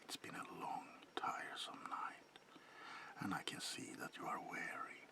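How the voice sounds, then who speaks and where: A lightly acted turn as a predatory, courtly vampire baron, whispered by a man for ASMR roleplay. His delivery is slow and theatrical, the whisper breathy and gravelly, the politeness quietly threatening, and the tone soothing but weary.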